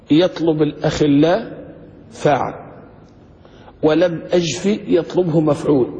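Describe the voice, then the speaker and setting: A man teaching a grammar class, his voice a little high. He keeps asking the students questions and draws the examples out slowly. The recording is dull and lo-fi, with a long reverb trailing each phrase. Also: dark tone. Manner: asks students questions, slows to spell out examples. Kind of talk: classroom lesson.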